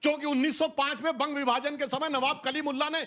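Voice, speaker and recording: A man's voice: extremely high pitch, level tone, quick pace, sharp tone. A man arguing as a panelist in a heated TV debate, insistently demanding to be heard.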